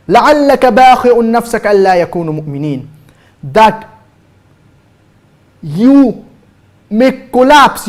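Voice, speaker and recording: A man delivers a religious lecture in a formal, measured voice that sits a little higher than most men's. He races through Arabic recitation, then slows down to stress each phrase of the translation and names the chapter and verse numbers with care. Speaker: Islamic preacher answering viewer questions.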